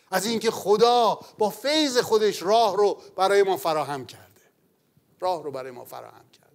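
A man preaching a sermon in an earnest manner, rising to loud exclamations and then falling to near-whispers. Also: high-pitched. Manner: earnest, swells loud then drops to a hush.

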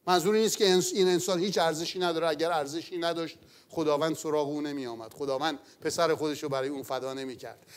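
A man preaching a sermon in an earnest manner, rising to loud exclamations and then falling to near-whispers. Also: sits high. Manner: earnest, swells loud then drops to a hush.

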